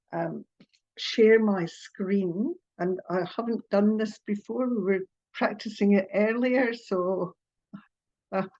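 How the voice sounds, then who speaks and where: An older Scottish therapist, whose accent is softened by Australian tones, presents an online webinar over a video call. She speaks at a medium pitch, hesitantly and apologetically, filling gaps with filler sounds and little laughs. The audio is muffled.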